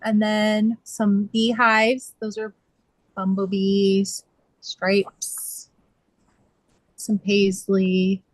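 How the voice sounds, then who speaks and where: A woman's voice: mid-range voice, completely flat delivery, drawn-out words, pauses often, no room sound, poor audio. Chatty middle-aged woman, dry sound. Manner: rambling storyteller, many fillers and restarts. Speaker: quilter sharing her sewing. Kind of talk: casual chat.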